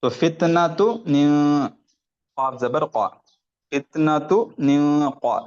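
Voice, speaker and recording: Slow, patient man drilling syllables. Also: a little high, darkish tone, clear, resonant tone, highs cut off. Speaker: Quran reading teacher. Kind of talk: online spelling-out lesson.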